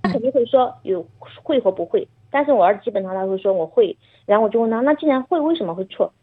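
A woman's voice: mid-range voice, animated, fast talker, breathy edge, no room sound. A woman, a mother, chatting casually about her son and acting out their conversations. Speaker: mother sharing parenting story. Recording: phone-like, narrow sound.

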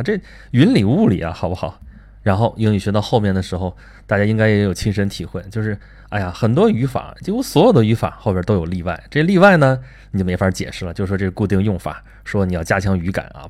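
A man giving a casual lecture-style talk, full of rhetorical questions and filler particles. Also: fairly low pitch. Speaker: host.

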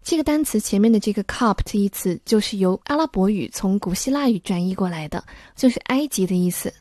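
A woman teaching English vocabulary in a scripted lesson, explaining in Mandarin and reading English examples slowly and clearly. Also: medium pitch, expressive, darkish tone, no room sound, clean studio sound.

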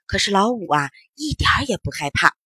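A woman's voice: medium pitch, big pitch swings, fairly quick, bright, forceful tone, slightly rough, dry recording, clean studio sound. A woman narrating a children's story expressively, acting out sounds as she goes.

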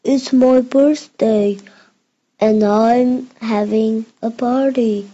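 A friendly birthday bear from a picture storybook, read out by a child. The voice is high and the delivery is slow and careful. The recording is a little dull. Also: female voice, steady tone, mellow. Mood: polite.

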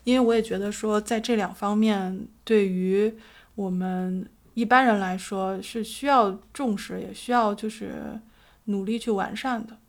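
A woman host speaks earnestly and reflectively, pausing often to find her words. Her voice sits at an ordinary middle pitch for a woman. She is previewing her evening livestream for listeners. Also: fairly even intonation. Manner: reflective, earnest, with frequent hesitations. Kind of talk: spoken show announcement.

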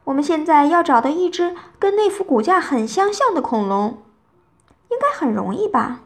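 A woman voicing Winnie, an excitable witch. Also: high voice, normal speed, voice pushed up. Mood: excited. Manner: eager, exclaiming. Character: cheerful excitable female witch.

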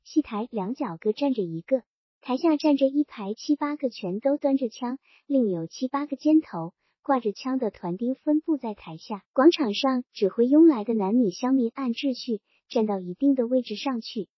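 High, husky-voiced woman narrating. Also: lively intonation, normal speed, no room sound. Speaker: audiobook narrator. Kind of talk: scripted novel narration. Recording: dull lo-fi recording.

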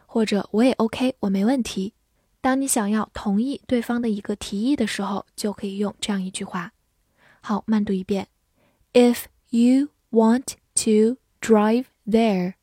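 A woman teaching English vocabulary, who spells each word letter by letter and reads the example sentences slowly. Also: mid-range voice, a little mellow, breathy edge, no room sound, clean studio sound. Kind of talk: vocabulary lesson with slow model readings.

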